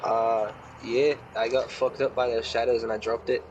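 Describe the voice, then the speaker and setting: A man takes part in a tabletop game as a player, talking casually in character. His pitch is average and faint cricket noise sits behind the voice. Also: flat delivery, normal speed, muffled recording.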